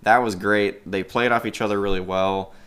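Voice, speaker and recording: A man with a lowish voice and a smooth, resonant tone gives his opinions on movies in a casual vlog. He rambles with enthusiasm, restarts his thoughts, and swears freely. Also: fairly even intonation, moderate pace, fairly bright tone. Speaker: movie reviewer.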